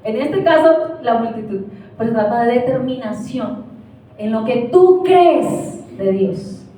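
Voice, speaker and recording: A woman's voice: fairly high pitch, animated, a little slow, warm tone, heavy reverb, recorded from a distance, low-quality recording. A woman pastor preaching a passionate sermon, asking the congregation questions. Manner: impassioned, asks the congregation questions. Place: church.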